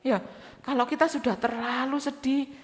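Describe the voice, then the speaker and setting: A woman teaching Sunday school, telling a story to children in a sing-song, animated way and speaking to them directly. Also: sits high, normal speed, long reverb tail, soft background music.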